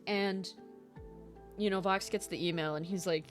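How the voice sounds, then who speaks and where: A young woman vlogging a casual episode recap, excitable and rambling, swearing freely. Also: lowish voice, normal speed. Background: faint lo-fi background music.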